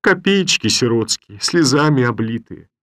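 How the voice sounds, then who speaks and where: A man's voice: mid-range voice, animated, unhurried, a bit bright, dry recording, studio quality, voice pushed up. A man reading the part of a grumbling, half-deaf old village woman who laments and scolds indignantly.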